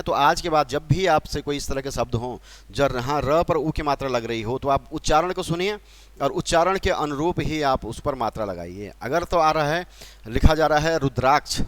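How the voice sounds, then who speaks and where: A man's voice: mid-range voice, dry recording. Male teacher from Uttarakhand with an Uttarakhand Hindi accent, patient and repetitive, dry room. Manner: patient, repeats key points, asks the class questions. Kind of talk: classroom lesson at a board.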